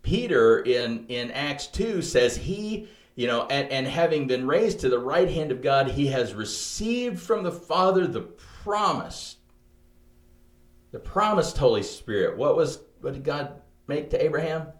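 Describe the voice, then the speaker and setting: A man co-hosting a podcast, talking through theology in an animated way, thinking aloud with many restarts. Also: medium pitch, measured pace, echoey room. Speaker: podcast co-host. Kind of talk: theological conversation.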